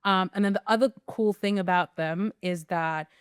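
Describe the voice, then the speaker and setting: A young woman from South Africa co-hosting a podcast, rambling in a relaxed way with many fillers. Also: mid-range voice, normal speed, clean tone, no echo, clean studio sound. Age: young adult. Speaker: podcast co-host. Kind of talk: casual chat.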